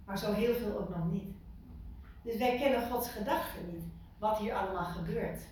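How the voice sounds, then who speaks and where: A woman giving an informal sermon to a small group, lively and full of questions to her listeners, repeating words for emphasis. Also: medium pitch, normal speed. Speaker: preacher. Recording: echoey room from far off, faint noise.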